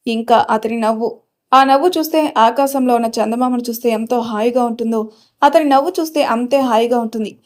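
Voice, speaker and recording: A woman narrating a romance serial story in an expressive, musing way. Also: on the high side.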